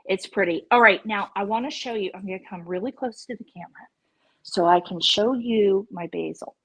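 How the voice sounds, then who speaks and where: A woman's voice: medium pitch, brisk, slightly rough, poor audio. A woman chef teaching a live virtual cooking class over a video call, chatty and playful in her instructions.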